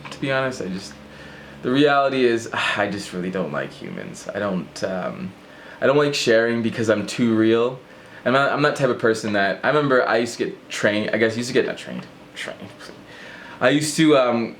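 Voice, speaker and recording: A man's voice: on the low side, a little hiss or hum. A man vlogging in a casual rant to camera, rambling and self-mocking as he jumps between thoughts.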